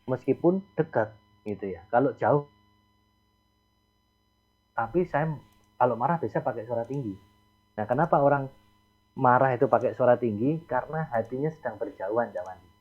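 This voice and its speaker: Man, psychologist guest on a phone line, husky, tinny. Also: medium pitch, moderate pace, pauses often. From East Java. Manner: calm, explanatory, repeats key points. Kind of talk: explaining on a call-in radio talk show. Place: outdoors near a beach.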